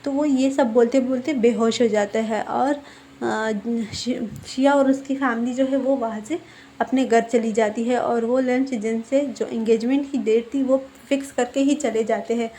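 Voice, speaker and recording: Mellow higher-voiced woman retelling a story. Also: fairly even intonation, measured pace. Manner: informal, with fillers, reads out the characters' lines. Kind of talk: casual spoken retelling of a fan fiction story.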